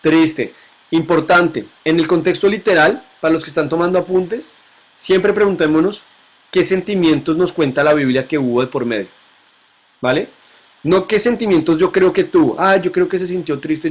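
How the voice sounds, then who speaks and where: A male teacher leads a classroom Bible lesson. His voice sits somewhat high, and he keeps asking his students questions and repeating the key points back to them.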